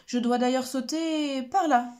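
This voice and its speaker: A woman voicing a sporty frog in a storybook, making brisk excuses. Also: sits high, steady tone, darkish tone, voice pushed up. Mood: evasive. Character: sporty fibbing frog dodging a kiss.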